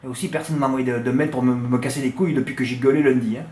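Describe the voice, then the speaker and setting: Talking at a racing pace in an echoey room, a man rattles off horse racing tips in an offhand monologue. His accent is noticeable enough that others laugh at it, and he jokes crudely and animatedly, his voice swinging widely in pitch and volume.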